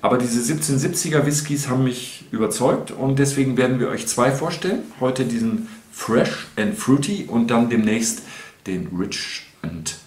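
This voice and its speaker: A man's voice: medium pitch, expressive, moderate pace, a little mellow, reverberant. A man in his sixties hosting a whisky review at home, chatting casually with many restarts and fillers. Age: 60s. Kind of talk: casual chat. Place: home room with shelves.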